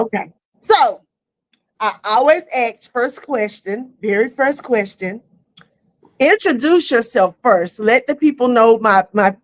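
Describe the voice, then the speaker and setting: A middle-aged woman hosting a casual online talk show, lively and laughing, with easy "y'all" talk. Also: a little high. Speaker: host. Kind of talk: casual chat. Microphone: streaming setup.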